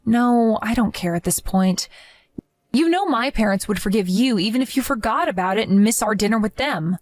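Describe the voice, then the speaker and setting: A woman's voice: fairly high pitch, expressive, normal speed, darkish tone, natural voice. A woman voicing Lily, a young wife who complains about unfair treatment by her in-laws in a dramatized chat story. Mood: aggrieved. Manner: aggrieved, complaining.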